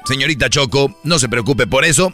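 A man voicing a cheeky schoolboy with a hoarse voice that sounds like a grown man's, giving confident smart-aleck answers in a comedy sketch. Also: fairly quick, pushed and bright, soft background music, lightly acted. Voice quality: hoarse, deep.

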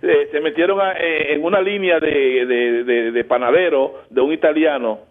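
A man's voice: on the high side, moderate pace, narrow, tinny audio. A man hosting a radio show, bantering in a rowdy, profane way.

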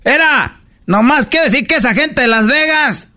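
A man voicing a loud, blunt, proud old rancher with a Mexican accent in a radio comedy sketch, talking brusquely and rambling through crude jokes. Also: very high-pitched, expressive, moderate pace, heavily acted. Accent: Mexican Spanish.

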